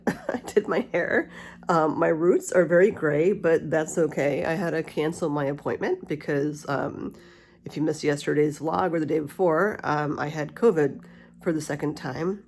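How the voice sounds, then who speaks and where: A middle-aged woman with a slight lisp from wearing a retainer, chatting candidly and ramblingly in a casual personal vlog. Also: low-pitched. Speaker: vlogger. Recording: steady humidifier hiss and faint spa music. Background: cool mist humidifier, soft spa music.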